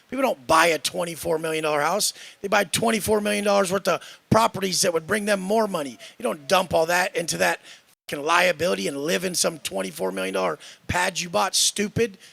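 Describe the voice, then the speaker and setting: A man with a high, very gravelly voice and a bright, tense edge talks in a brash, cocky rant. He curses constantly and dismisses everyone around him. The sound is dry and close. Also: no room sound. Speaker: fitness influencer in a clip.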